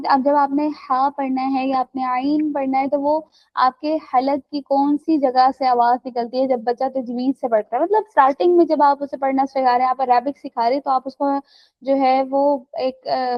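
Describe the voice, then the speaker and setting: A woman's voice: high-pitched, no room sound, lo-fi sound. A woman teaching an English class online, explaining step by step and checking that students follow. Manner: explains step by step, checks understanding with "right?" and "theek hai".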